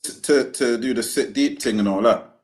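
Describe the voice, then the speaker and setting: A male co-host speaks with a London roadman accent and heavy street slang. His voice sits at a medium pitch as he gives casual, opinionated football banter. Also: moderate pace, darkish tone. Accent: London, roadman-style street slang. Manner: slangy, opinionated, repeats tag phrases like a street chat. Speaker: podcast co-host.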